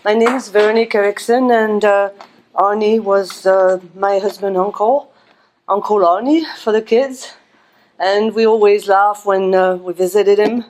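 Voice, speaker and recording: A woman giving a personal memorial tribute, pausing often with fillers. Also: medium pitch, steady tone, a little mellow, a little hiss or hum. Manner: halting, many fillers. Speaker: memorial speaker.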